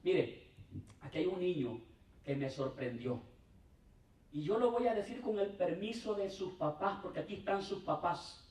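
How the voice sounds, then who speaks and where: A male pastor preaching a conversational sermon, often calling out to his congregation, with emphatic swings between raised and hushed delivery. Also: high voice. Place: church. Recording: roomy church hall, mic at a distance.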